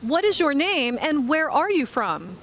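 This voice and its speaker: A woman playing a cheerful news reporter who interviews tourists outdoors, speaking clearly and slowly for an English lesson. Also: sits high, sing-song, a bit bright, slight background noise, full character voice. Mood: upbeat. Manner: clear, upbeat, slow teaching delivery. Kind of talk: scripted English lesson dialogue. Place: outdoors in a city. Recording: music bed under the voice.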